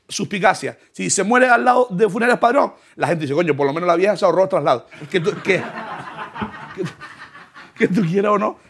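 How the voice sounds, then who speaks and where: A man's voice: high-pitched, gravelly. A young man tells a comic story, acting out voices and laughing as he goes. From Canary Islands. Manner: animated, acts out voices, laughs through lines. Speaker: comedian.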